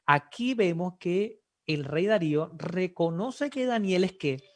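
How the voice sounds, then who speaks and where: Animated preacher full of rhetorical questions. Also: medium pitch, measured pace. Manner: emphatic exclamations. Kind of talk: sermon.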